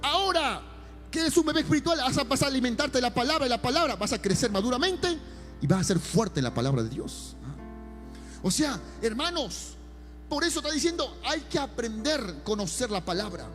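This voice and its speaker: A man's voice: extremely high pitch, sing-song, a little fast, a bit bright, soft background music. A man preaching a sermon as pastor, calling listeners brother and building emphasis.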